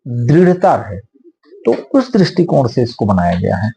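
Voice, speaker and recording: A man who is a senior advocate, explaining law at length in an interview in a measured, lecturing way with homely examples. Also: mid-range voice, sing-song, vocal fry, dark tone, slightly rough, lo-fi sound.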